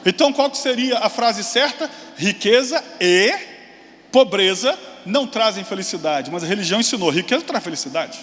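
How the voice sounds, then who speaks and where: A pastor in his forties delivers a sermon in a very high, lively voice, leaping into excited exclamations and dropping into quick asides. A long reverb carries his words through a large church hall, with a faint hum of room noise underneath.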